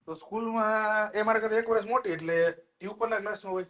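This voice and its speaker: A man with a high-pitched voice, chatting casually as a co-host. He tells lively stories and acts out the voices of the people in them. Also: brisk. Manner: lively anecdotes, acts out classmates' lines. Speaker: podcast co-host. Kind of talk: casual storytelling chat.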